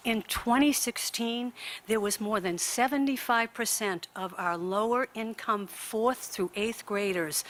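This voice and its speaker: A woman's voice: medium pitch, a bit bright. A woman giving an earnest prepared talk on a conference panel, hurrying and often restarting her words. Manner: earnest, rushed, with frequent restarts. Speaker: panel speaker. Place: conference room.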